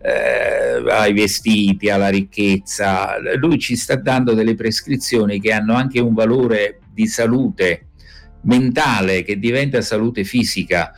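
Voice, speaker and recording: Older man, lowish voice, professor, measured lecturing, faint music. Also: steady tone. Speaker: professor guest. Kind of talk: interview on religion.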